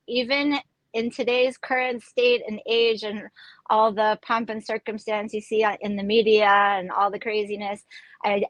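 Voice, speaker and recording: A woman's voice: mid-range voice, fairly bright tone, dry recording, poor audio. A woman born in South Africa, an immigration lawyer hosting a podcast, talking in a chatty way and laughing easily. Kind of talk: casual podcast interview.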